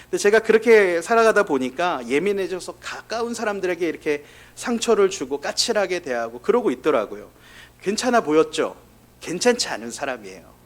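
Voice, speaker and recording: A man's voice: high voice, very animated, a little fast. A male pastor giving a conversational sermon, telling candid personal stories and speaking straight to the congregation. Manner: candid, confessional storytelling that addresses the congregation directly.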